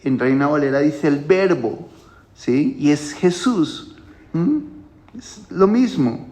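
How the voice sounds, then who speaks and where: A man teaches the Bible to a small home congregation. He talks slowly and patiently and keeps checking that his listeners follow. His voice sits fairly high. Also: expressive, a little mellow. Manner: slow, explains step by step, often asks the listeners "¿cierto?". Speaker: pastor.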